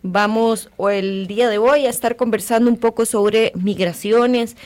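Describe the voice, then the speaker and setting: A woman hosting a community radio talk show, speaking calmly and thoughtfully with frequent fillers. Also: medium pitch. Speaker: radio host.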